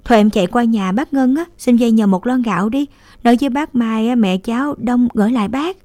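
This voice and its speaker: A woman voicing a caring eldest sister in a story who soothes and gives brisk orders. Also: on the high side, warm tone, dry recording, close to an everyday voice. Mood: instructing. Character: caring eldest sister, gentle but firm.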